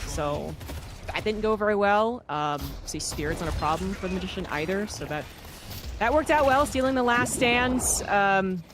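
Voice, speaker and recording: A woman with an American accent calls a live esports match, chatty and quick, with a playful edge. Her voice sits at a middle pitch. There is clear noise under the broadcast mix. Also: lively intonation. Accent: General American. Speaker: esports caster.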